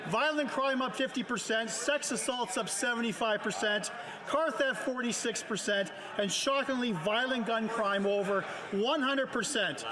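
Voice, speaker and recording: High-voiced man in a reverberant chamber. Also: normal speed, a crowd in the background. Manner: emphatic, accusatory. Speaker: opposition member of parliament. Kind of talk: formal political speech. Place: large indoor legislative chamber. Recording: long reverb of large chamber.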